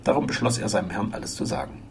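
A man narrating a classic adventure novel in a measured, even-paced reading. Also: fairly low pitch, creaky, a little hiss or hum. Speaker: audiobook narrator. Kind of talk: scripted storybook narration.

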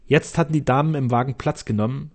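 A man narrating a classic adventure novel in a measured, steady storytelling manner. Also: medium pitch. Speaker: audiobook narrator. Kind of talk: scripted narration.

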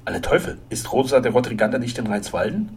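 A man's voice: medium pitch, big pitch swings, fast talker, darkish tone, a little hiss or hum. A man voicing a scheming, hot-tempered villain count who speaks agitated and raised-voiced in a storybook reading.

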